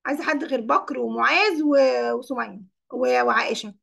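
A woman's voice: high-pitched, fairly quick, vocal fry, a bit bright. A woman English teacher with an Egyptian Arabic accent, explaining English vocabulary in Arabic and quizzing her pupils by name. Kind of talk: classroom lesson.

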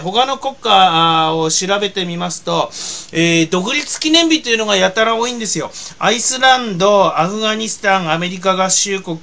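A man speaking in a casual monologue as a video blogger, rambling with many fillers and rough colloquial phrasing. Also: on the high side, bright, forceful tone.

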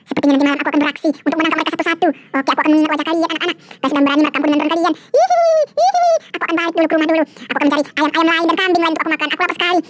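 A man voicing a hungry, cackling female ghost who gloats about eating her prey, over loud background noise. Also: very high voice, level tone, pitched above the performer's own voice. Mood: greedy gloating. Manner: gloating, cackling, fast-talking. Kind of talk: game role-play voice acting.

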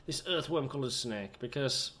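A man talks over a game at a middle pitch, letting his commentary drift from one tangent to the next. His manner is chatty and self-mocking, as a gaming host thinking aloud. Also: animated, normal speed, a bit bright, slight background noise. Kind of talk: rambling gameplay commentary.

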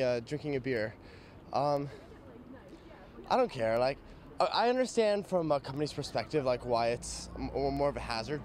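A man's voice: medium pitch, a little mellow, a little hiss or hum. A young male student answering a street interview outdoors, speaking into a reporter's handheld mic. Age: young adult. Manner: easygoing, talks with restarts and "like". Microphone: reporter's handheld microphone.

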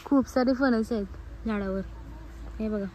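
This young adult from Maharashtra, India is out on hillside trails and farm grounds, vlogging chattily on a phone at arm's length and slipping English words into her talk with friends and the camera. She speaks at a measured pace in a slightly high voice with a dark tone, on a noisy outdoor phone recording.

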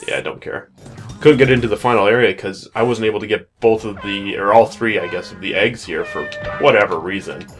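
A man's voice: on the low side, fairly quick, hardly any pauses. A young man giving casual, rambling, self-deprecating gameplay commentary as a let's play host. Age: young adult. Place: small bedroom at home. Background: video game music.

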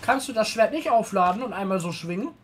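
A woman's voice: mid-range voice, expressive, fast talker, a little hiss or hum. A woman in her late twenties, a fellow streamer chatting casually and easily on a voice call, often adding little tag questions. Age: late 20s. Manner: friendly, easygoing, adds tag questions.

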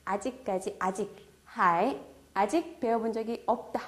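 A woman teaching a language lesson in a friendly, encouraging way, explaining points and reading examples slowly and carefully. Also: fairly high pitch, animated.

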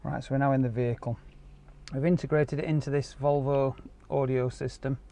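Here a man's warm, medium-pitched voice keeps a fairly even intonation and a slightly quick pace. As a car audio installer, he walks through a product casually and explains it, outside in a car park and inside a car, captured clearly on a handheld camera with ambient sound around him.

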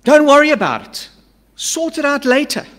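A middle-aged man preaching a sermon from a church stage into a stand mic, emphatic, swinging between urgent loud lines and hushed asides. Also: extremely high pitch, very animated, moderate pace. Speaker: pastor. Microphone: stand mic at a pulpit. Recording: long church-hall reverb.

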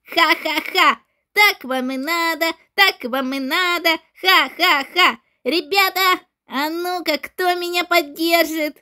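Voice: extremely high pitch, a little slow, hardly any pauses, sharp tone, exaggerated voice. A performer voicing an arrogant schoolboy in a game role-play, boastful and mocking toward classmates. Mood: gloating. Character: arrogant schoolboy who calls himself the coolest.

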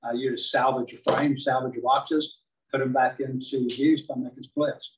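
A middle-aged man with a Texan accent giving a beekeeping club presentation, measured and dotted with fillers. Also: mid-range voice, little pitch movement. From southeast Texas. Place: large meeting hall with projector. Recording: distant room recording.

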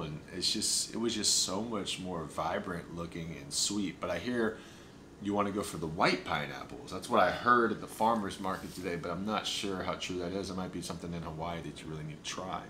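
A young man chatting casually in a travel vlog, describing food and his day in a relaxed, enthusiastic way. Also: low voice, noisy background. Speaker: vlogger. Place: hotel room and small restaurant.

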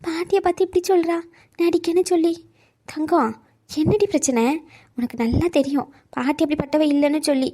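A woman's voice: sits high, fairly even intonation, a little fast, warm tone, lightly acted. A woman voicing a chattering cartoon granny. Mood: coaxing. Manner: scolding gossip turning to coaxing pleas. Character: talkative elderly grandmother, fussing and doting. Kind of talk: cartoon voice acting.

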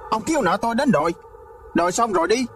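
A man voicing an aggrieved, vengeful son who complains in an accusing, high voice. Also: sing-song, quick pace, heavily acted. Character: aggrieved son seeking revenge, high and wailing.

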